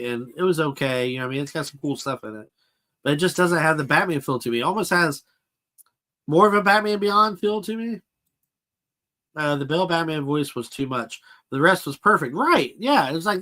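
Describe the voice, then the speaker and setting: Bright-voiced man chatting casually. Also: medium pitch. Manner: casual, answers viewer chat aloud, drawn-out fillers. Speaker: toy collector channel host. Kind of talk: casual live-stream chat.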